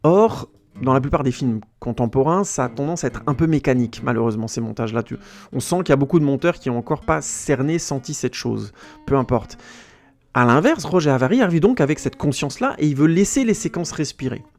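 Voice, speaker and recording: A man's voice: medium pitch, lively intonation, a little fast, a little mellow, faint music behind. A man hosting a podcast, giving a casual spoken film review, chatty and digressive, often stopping to search for a word. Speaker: film critic podcast host.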